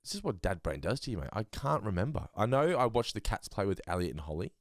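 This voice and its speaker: A man's voice: fairly low pitch, sing-song, quick pace, dry recording, studio quality. An Australian man hosting a podcast in casual chat, talking in an informal, blokey way. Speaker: podcast host.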